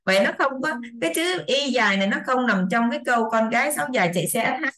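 A woman's voice: fairly high pitch, expressive, fast talker, fairly bright tone. A woman, an English teacher explaining a lesson in a chatty way, repeating examples and checking that her students follow. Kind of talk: casual online lesson explanation. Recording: roomy echo.

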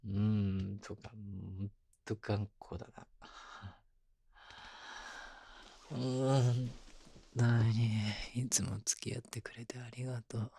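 A man playing an adoring, teasing young boyfriend in ASMR role-play pillow talk, murmuring casually and intimately with a husky, breathy voice into a close binaural microphone. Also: on the low side, fairly even intonation, a little slow, mellow, heavily acted. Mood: tender teasing.

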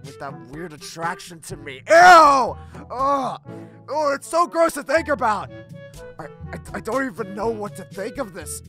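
A man's voice: extremely high pitch, sing-song, measured pace, bright, forceful tone, faint music behind, exaggerated voice. A man voicing an edgy, brooding hedgehog in a comic dub, stammering and repeating himself in an overwrought way. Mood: shaken relief. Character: edgy, brooding male hedgehog, panicky and easily disgusted.

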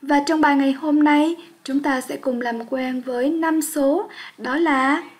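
A woman's voice: high voice, steady tone, a little slow. A woman teaching an English lesson for young children, speaking patiently and leading repetition drills.

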